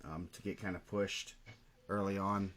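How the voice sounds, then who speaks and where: A man co-hosting a casual podcast about high school wrestling, running through results in a steady, list-like way. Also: moderate pace. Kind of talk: casual sports chat.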